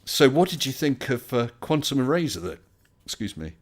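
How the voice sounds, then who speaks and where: A man's voice: medium pitch, very animated, normal speed, slight background noise. A man hosting a casual live stream, chatting politely and welcoming people as they join.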